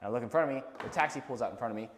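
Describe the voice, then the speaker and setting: A man's voice: mid-range voice, racing. A young man in casual podcast chat over pool, blunt and swearing freely. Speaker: podcast co-host. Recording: roomy echo with long reverb.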